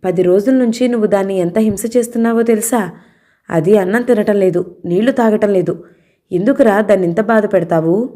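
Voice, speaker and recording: A man's voice: sits high, brisk, mellow, natural voice. A woman reading the part of a stern older uncle who scolds and interrogates his nephew. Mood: angry.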